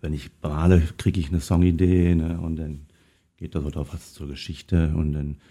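A man's voice: a bass voice, flat delivery, moderate pace, warm tone, slightly rough. A man chatting in a laid-back, self-mocking way and reading a story aloud in a radio studio. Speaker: guest author. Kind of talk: casual chat and reading aloud.

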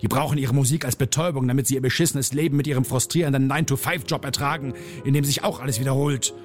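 A man voicing his own misanthropic, hot-tempered alter ego, ranting and sneering over soft piano music. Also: mid-range voice, fairly even intonation, rapid-fire, natural voice. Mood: ranting scornful.

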